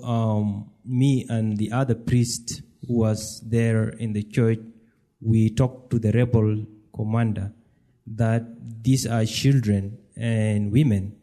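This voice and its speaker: A man from South Sudan telling his personal story in a measured, steady way, with frequent ums. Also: medium pitch. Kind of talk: personal testimony.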